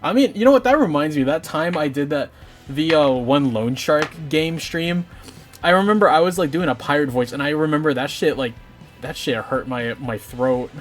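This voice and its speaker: A man's voice: fairly high pitch, moderate pace. A young man chatting casually on a live stream while building a model kit, rambling and swearing lightly. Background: faint game music.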